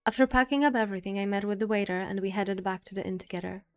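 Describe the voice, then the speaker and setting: A woman reading a game's story text aloud, with occasional asides, over soft music. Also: medium pitch, rapid-fire. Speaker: reader of a visual novel.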